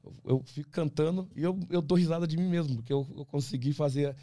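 A man, an ultramarathon runner from Brazil, talking as a podcast guest, animated and full of restarts, acting out what others say. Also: on the high side, quick pace, dry recording. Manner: animated storyteller, many restarts, acts out quoted voices. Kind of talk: casual interview talk.

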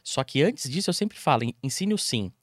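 Fast-talking Brazilian man, animated. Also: mid-range voice, no room sound, studio quality. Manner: animated, acts out owners and dogs in quick voices. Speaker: dog trainer, guest. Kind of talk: casual interview talk.

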